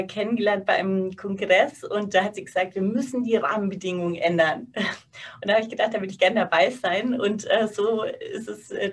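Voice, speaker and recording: A woman being interviewed as a co-founder, telling her story in a lively, easygoing way. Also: medium pitch, breathy edge, recorded from a distance. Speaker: guest, co-founder. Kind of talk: conversational interview. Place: office space.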